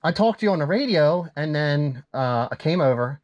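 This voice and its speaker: A visiting vlogger chats with a radio collector about their shared hobby. His voice is fairly high and animated, and he talks at a moderate pace in an enthusiastic, agreeable, rambling way. The recording sounds muffled.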